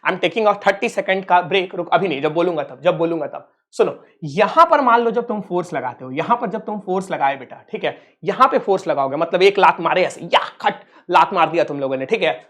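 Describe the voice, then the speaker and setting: A man's voice: sits high, lively intonation, brisk, hardly any pauses, fairly bright tone. A man from Uttar Pradesh, India, teaching a physics lesson online in a playful, teasing way and calling his students kids. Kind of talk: online exam-prep lecture.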